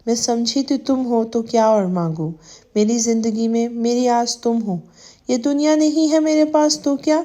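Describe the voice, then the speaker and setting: A woman's voice: a little high, warm tone, close to an everyday voice. A woman voicing a sorrowful young wife who writes a farewell diary entry.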